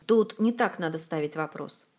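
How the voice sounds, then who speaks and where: A woman's voice: low-pitched, normal speed. A woman voicing a stern, pitiless queen who speaks in a cool, matter-of-fact way.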